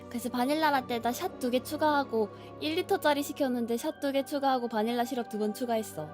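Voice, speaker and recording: A woman live streamer chatting casually before a game, with a cutesy, playful, expressive anime-streamer manner. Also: sits high, a little fast, over music. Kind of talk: casual livestream chat before playing a game.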